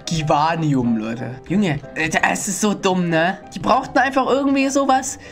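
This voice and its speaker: A man's voice: high voice, lively intonation, unhurried. A young man giving sarcastic let's-play commentary and mocking the game characters as he plays. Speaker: gaming YouTuber. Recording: game music playing behind the voice.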